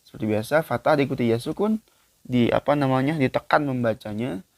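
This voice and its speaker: A man gives a relaxed recitation lesson, talking through the rules with plenty of filler words. He breaks into slow, louder chanted verses now and then. The sound is close and dry, with a middle-pitched voice. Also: no echo. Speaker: Quran recitation teacher.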